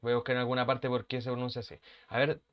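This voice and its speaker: A man's voice: mid-range voice, monotone, rapid-fire, a bit bright, smooth. A man teaching an online English class, patiently repeating words for pronunciation drills and laughing at his own mistakes.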